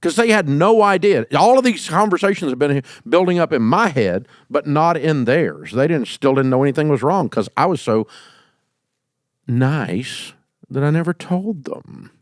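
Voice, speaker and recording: A middle-aged man hosting an advice show, talking emphatically and folksily and jumping into loud acted quotes. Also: fairly high pitch, expressive, moderate pace, dry recording, studio quality. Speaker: host giving leadership advice. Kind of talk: call-in advice talk.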